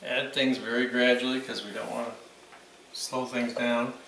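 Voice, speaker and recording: A roomy, slightly distant recording of a man in his sixties in a home kitchen, with faint noise around him. He talks casually and off the cuff as he cooks, in a mid-pitched voice, like a host walking viewers through a recipe. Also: level tone, normal speed, creaky, sharp tone. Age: 60s. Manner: informal, unscripted, talking while cooking. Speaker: home cooking channel host. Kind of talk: casual cooking demonstration. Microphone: camera a few meters away.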